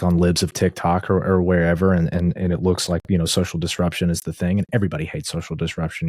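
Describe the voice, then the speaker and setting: Male podcast host: low husky voice, quick plain-spoken delivery. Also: darkish tone, dry recording, studio quality. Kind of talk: casual political chat.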